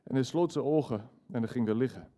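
A man's voice: medium pitch, a little fast, dark tone, voice pushed up, close to an everyday voice. A man voicing an earnest young woman, the granddaughter of a dying old man, in an eager, raised voice.

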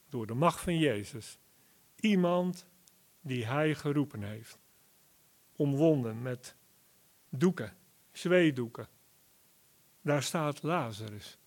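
A man preaching a sermon, explaining Bible verses deliberately and rising to emphatic calls at key words. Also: mid-range voice, darkish tone. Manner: slow, deliberate Bible exposition with emphatic rises.

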